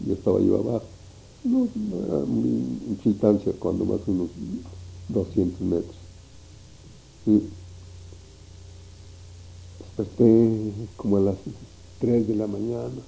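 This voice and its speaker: A man's voice: on the low side, creaky, dark tone, rough recording. A man telling a meandering, folksy story from his past. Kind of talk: oral history recollection.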